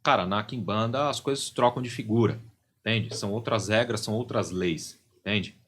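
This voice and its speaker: A man's voice: fairly low pitch, normal speed, fairly bright tone, a little hiss or hum. A middle-aged Brazilian man, a podcast guest and religious leader, explaining at length and often checking in with "né?" and "entende?".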